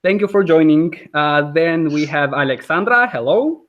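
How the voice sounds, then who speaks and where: A man's voice: on the high side, lively intonation, moderate pace, fairly bright tone, muffled recording. A man with an Albanian accent teaching a live online language lesson in a friendly, explanatory way, with frequent fillers, over a video call.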